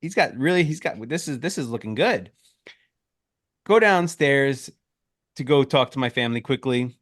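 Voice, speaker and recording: Man, 30s, casual podcast co-host, animated storyteller, dry close sound. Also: mid-range voice, moderate pace, dry recording. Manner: animated storytelling, acting out his own quotes. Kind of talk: casual chat.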